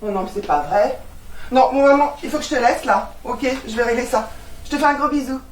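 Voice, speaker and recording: A woman's voice: on the high side, fairly quick, slight background noise, natural voice. An actress playing an exasperated, sarcastic young woman, heard on a stage. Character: exasperated young woman, sharp-tongued and ironic. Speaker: new tenant. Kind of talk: stage comedy acting. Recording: echoey stage sound from far off.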